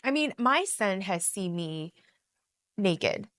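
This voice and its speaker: A middle-aged woman co-hosting a podcast, telling stories in a blunt, profane, animated way. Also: mid-range voice, takes it slowly, no room sound. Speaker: podcast co-host. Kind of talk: casual chat.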